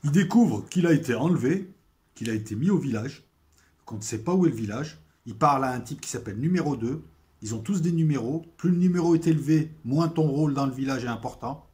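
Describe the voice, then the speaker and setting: A man talking to his viewers in a casual spoken monologue, hesitant, with many fillers and restarts, and getting louder on the points he stresses. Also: medium pitch, expressive, a little fast. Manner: emphatic, swelling loudness on key points. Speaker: video essayist.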